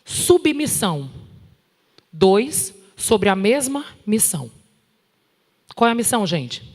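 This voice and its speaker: A woman with a Brazilian Portuguese accent preaching at a conference in an animated, direct, scolding way, with touches of humor. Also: medium pitch, slow. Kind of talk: sermon. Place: large church hall. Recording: long hall reverb.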